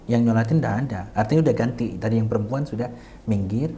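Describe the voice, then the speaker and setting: A middle-aged man, an interview guest, tells a personal story with feeling, acting out the dialogue and sometimes sinking to a hushed near-whisper. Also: on the low side, fast talker, a little hiss or hum. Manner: emotional retelling that acts out quoted dialogue; drops to a hushed near-whisper at tender moments. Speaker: community founder, interview guest.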